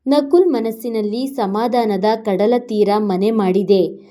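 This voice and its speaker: A woman narrating a story aloud in a steady, expressive reading style. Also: on the high side, slow pace.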